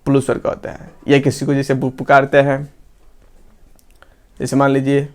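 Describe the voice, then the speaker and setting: With a mid-range, monotone voice, a man leads a grammar lesson. He quizzes the class, answers his own questions, and says phrases again slowly so they can be copied down.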